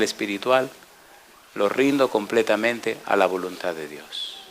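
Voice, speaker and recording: A male pastor preaching a sermon, building to fervent peaks and dropping to a hush for the altar call and prayer. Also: medium pitch, clear, resonant tone.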